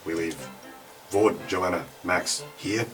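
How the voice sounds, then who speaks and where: Very deep-voiced man laying out a plan. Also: steady tone, takes it slowly. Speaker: player. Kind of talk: in-character tabletop role-play. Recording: distant mic with background music.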